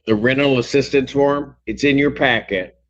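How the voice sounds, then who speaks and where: A male judge running a courtroom hearing, brisk and directive as he moves through cases. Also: medium pitch, a bit bright, lo-fi sound.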